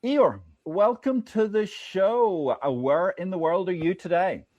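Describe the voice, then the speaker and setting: A man's voice: unhurried, dry recording, muffled recording. A man hosting a finance livestream, delivering opinionated market commentary and interviewing a guest in an emphatic, wry manner. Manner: animated, emphatic delivery with wide pitch swings. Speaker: livestream host. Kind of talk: finance show monologue and interview.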